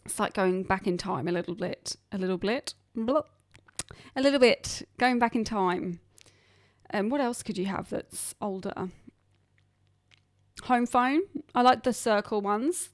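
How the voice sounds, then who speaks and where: Talking a little slowly in a mid-range voice, a young woman from England rambles through a casual solo podcast chat, poking fun at herself. The studio sound is clean with no room sound, and she's indoors somewhere hot and humid.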